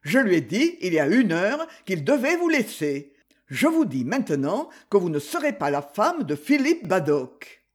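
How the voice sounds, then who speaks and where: A man reading as a bitter, jealous suitor who makes sullen threats in a husky, fairly high voice. His pitch swings widely as he menaces in this read-aloud story. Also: wildly swooping pitch, unhurried, heavily acted. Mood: menacing, bitter.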